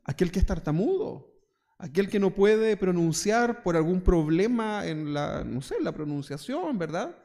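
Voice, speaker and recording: A man's voice: high-pitched, sing-song, measured pace, dark tone. A male pastor with a Chilean Spanish accent, giving a conversational sermon full of rhetorical questions and mocking asides. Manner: conversational preaching, rhetorical questions, mock voices.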